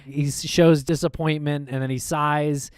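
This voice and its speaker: A man's voice: on the high side, flat delivery, moderate pace, smooth, no room sound, studio quality. A man co-hosting a podcast, chatting casually, laughing easily and narrating clips as they play. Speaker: podcast co-host.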